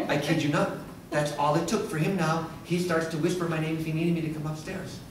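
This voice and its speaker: A man's voice: fairly high pitch, animated, a little slow. A middle-aged man presenting a workshop to a live audience, asking questions and talking in an interactive way. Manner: interactive, asks the room questions. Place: classroom or lecture room. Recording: echoey room from far off, faint noise.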